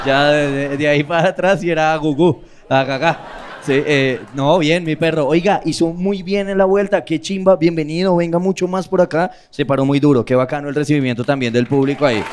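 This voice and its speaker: Teasing Colombian host, high voice. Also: male voice, fairly even intonation, brisk, hardly any pauses, smooth, some chatter behind. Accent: Colombian Spanish. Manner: teasing, crude slang, laughs often. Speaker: roast host. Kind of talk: loose stage banter. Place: comedy club stage.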